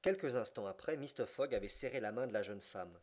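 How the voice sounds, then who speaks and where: A man narrates a classic adventure novel in an audiobook. He reads steadily and slows down for the dramatic passages. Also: medium pitch, lively intonation, a little mellow.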